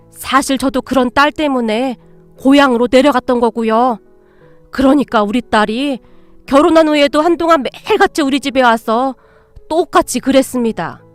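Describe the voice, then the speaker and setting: A woman voicing an older man, the calm and polite father of a daughter-in-law, speaking slowly and formally. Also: sits high, dry recording, natural voice. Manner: slow, formal and courteous.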